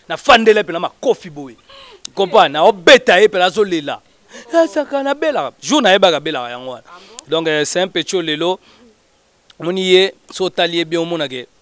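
A man talking in an animated, casual way, switching between Lingala and French. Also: fairly high pitch, no echo.

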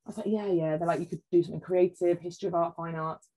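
A woman's voice: fairly low pitch, racing, low-quality recording. Chatty woman telling stories. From England. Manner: animated storyteller, acts out quoted voices, frequent "like" and "you know". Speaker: podcast guest, food writer. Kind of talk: casual chat.

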